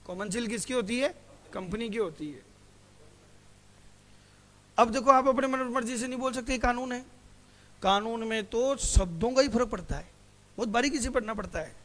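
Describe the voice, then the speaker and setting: A man's voice: very high-pitched, a bit bright. A male teacher giving a classroom lecture who keeps asking his students questions, answers them himself, and calls them "beta". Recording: hall reverb.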